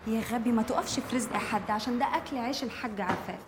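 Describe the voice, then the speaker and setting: A high-voiced Egyptian woman, played by an actress, rattling off her lines at great speed, teasing and scolding by turns. Her voice rings in an echoey space with a long tail, with faint ambience behind it. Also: fast talker, a little hiss or hum, close to an everyday voice. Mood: lively. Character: chatty young woman resident, quick-tongued. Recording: echoey room with long reverb.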